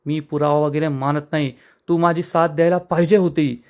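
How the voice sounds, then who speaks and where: A man's voice: a little high, steady tone, moderate pace, a little mellow, lightly acted. Man doing a spiteful scheming young woman. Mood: angry. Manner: scolding, indignant.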